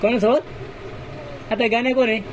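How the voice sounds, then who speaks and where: A man's voice: high-pitched, expressive, normal speed, a loud crowd. A man at home sternly scolding a child, asking the same questions again and again. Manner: stern, repeats questions insistently. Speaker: family member scolding a child. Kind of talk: home recording, family scolding. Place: home indoors.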